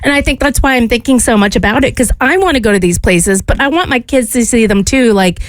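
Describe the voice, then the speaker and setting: A woman radio co-host and mother, originally from England, chatting in an animated, joking, self-deprecating way. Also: on the high side, quick pace, no room sound. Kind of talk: casual talk radio chat. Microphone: studio microphone.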